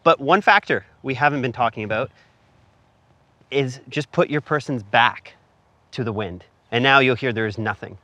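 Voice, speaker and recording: Here the Canadian host of a filmmaking tutorial sounds bright and forceful, his mid-range voice moving at a moderate pace. He keeps the casual teaching chat upbeat and jokey while putting questions to his guest. The lavalier tucked in his shirt picks him up first outside in a cold wind, then inside.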